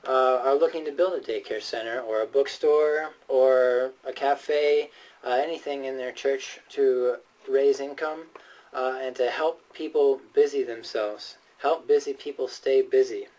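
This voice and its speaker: Delivering a sermon-like prepared speech, a man argues earnestly and emphatically, frequently hesitating. His medium-pitched voice is a little mellow and comes from far off the mic.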